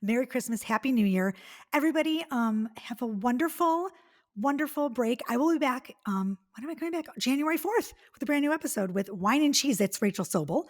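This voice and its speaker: A woman's voice: high-pitched, lively intonation. A woman in her late forties hosting a podcast, bubbly and effusive, chatting casually with her guest. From United States. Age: 40s. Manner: bubbly, quick, effusive agreement. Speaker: podcast host.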